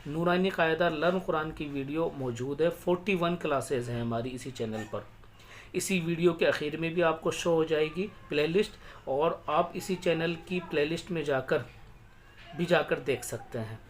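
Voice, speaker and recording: A man teaching Quran reading. He explains the rules briskly, then chants each verse slowly, syllable by syllable. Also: on the high side, slight background noise.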